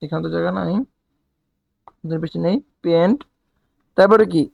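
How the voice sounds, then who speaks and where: High-voiced man teaching a chemistry lesson. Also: steady tone, moderate pace, vocal fry. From Bangladesh. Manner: asks questions and answers them himself, counts aloud; colloquial, dialect forms. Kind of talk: recorded lecture at a board.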